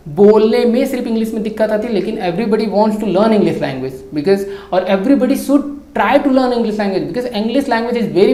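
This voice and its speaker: A man's voice: sits high, mellow. Chatty man in an echoey room. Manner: chatty Hindi-English mixing, keeps saying yaar and bhai. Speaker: YouTuber replying to viewer comments. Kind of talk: casual talk to camera.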